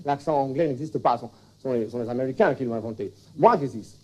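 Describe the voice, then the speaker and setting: A man's voice: mid-range voice, fast talker, dark tone, pitched below the performer's own voice, close to an everyday voice. A man playing a flustered foreign language teacher in a stand-up comedy sketch, stammering through puns with a put-on accent. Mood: confused. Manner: stammering wordplay, restarts. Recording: 1979 television broadcast.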